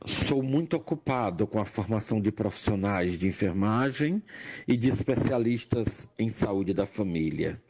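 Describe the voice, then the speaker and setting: An older man with a Pernambuco accent, a nurse and educator, giving a slow, measured personal testimony that rises in emphasis on key points. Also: lowish voice, animated, a little mellow, faint music behind. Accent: Pernambuco Portuguese. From Brazil, Pernambuco.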